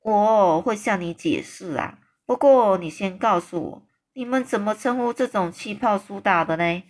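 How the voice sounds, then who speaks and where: A woman playing an excitable big friendly giant. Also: medium pitch, natural voice. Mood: excited. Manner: exclaiming, drawn-out slow emphatic phrasing.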